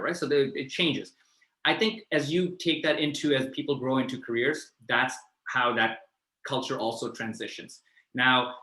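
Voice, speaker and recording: A man from Pakistan, a finance mentor answering student questions on a video call, talking in a lively, conversational way and often adding "right?". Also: mid-range voice, reverberant, poor audio. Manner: fast, animated, conversational, lots of "right?" tags.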